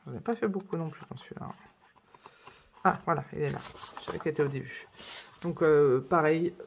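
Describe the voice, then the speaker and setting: A woman's voice: sits low, brisk, gravelly, slight background noise. A woman vlogging about her coloring books in a casual show-and-tell chat, rambling with many fillers and self-corrections.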